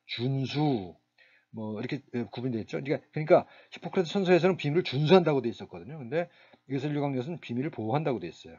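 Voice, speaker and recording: A man's voice: medium pitch, a little mellow, breathy edge. Guy lecturing to a class, lots of uh and restarts, kinda muffled recording. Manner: halting, many fillers and restarts.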